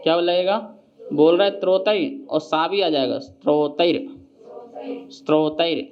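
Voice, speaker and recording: A man teaching the pronunciation of a devotional hymn, drilling each syllable slowly, explaining quickly in between and chanting the verses in a sung melody. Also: high-pitched, lo-fi sound. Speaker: Jain monk teaching recitation.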